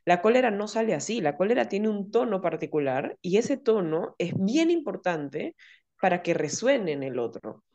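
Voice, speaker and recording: A therapist with a mid-range voice speaks at a moderate pace, though the audio sounds dull. She explains ideas conversationally on a podcast and often acts out quoted dialogue in spirited voices.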